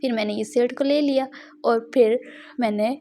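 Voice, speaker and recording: A woman's voice: a little high, steady tone, normal speed, warm tone, a little hiss or hum. A young woman, rambling and giggling as she tells a casual vlog story. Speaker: vlogger. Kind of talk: casual chatty vlog narration.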